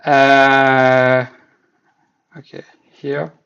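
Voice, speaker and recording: A Swiss man whose first language is French speaks English with a French accent while setting up his casual live dev stream, thinking aloud hesitantly with many fillers. His medium-pitched voice is monotone, fairly bright, with vocal fry, and extremely slow. The lo-fi stream mic sounds slightly dull.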